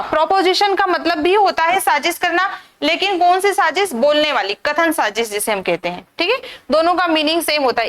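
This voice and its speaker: A woman's voice: high voice, fairly bright tone. A woman teaching English vocabulary in a live online class, drilling students with rhetorical questions and scolding them now and then. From India.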